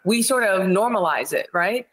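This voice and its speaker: A woman from Ohio speaks as a psychiatrist in a relaxed interview. Her voice sits at a middle pitch, and her delivery is direct and blunt, with an animated storytelling manner. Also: moderate pace, rough recording. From Ohio, USA. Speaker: psychiatrist guest. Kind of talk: casual conversational interview.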